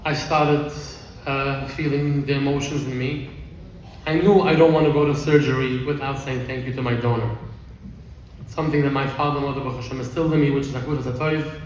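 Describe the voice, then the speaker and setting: A man's voice: mid-range voice, steady tone, darkish tone, slight background noise. Echoey middle-aged man telling an emotional story. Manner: heartfelt, rushed storytelling sprinkled with Yiddish phrases. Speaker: event speaker. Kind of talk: emotional personal storytelling speech. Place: large event hall. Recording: echoey hall, mic far off.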